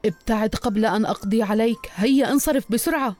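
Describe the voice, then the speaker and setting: A woman's voice: medium pitch, fast, warm tone, soft background music, pitched below the performer's own voice, close to an everyday voice. A woman voicing a strong grown male lion who speaks firmly and with authority. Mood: commanding. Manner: firm, commanding.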